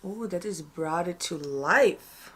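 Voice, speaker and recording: A woman's voice: on the low side, expressive, slow, a bit bright, slightly rough. A woman talking informally through a get-ready-with-me makeup tutorial, thinking aloud as she goes. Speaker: makeup vlogger.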